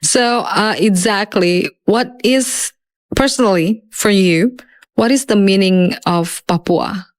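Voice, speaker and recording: A woman's voice: medium pitch, slow pace. A woman hosting a radio talk show, asking a guest questions and introducing songs. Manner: friendly, leading questions. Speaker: radio host.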